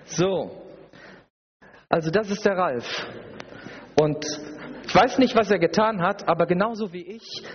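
A man's voice: high-pitched, unhurried, pauses often, slight background noise. A man preaching a sermon at a church service, emphatic and repetitive, with rhetorical questions. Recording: dull recording in a reverberant hall.

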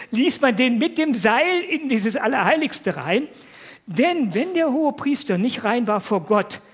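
A man's voice: high voice, breathy edge. A man preaching a conversational sermon, talking to the listeners in colloquial words and asking them many rhetorical questions.

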